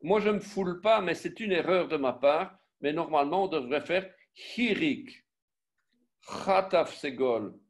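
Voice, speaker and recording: A man teaching a Biblical Hebrew lesson online, spelling out syllables and letters one by one, often pausing to correct himself. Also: on the high side. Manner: self-correcting, with frequent fillers and restarts. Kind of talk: online class with screen sharing.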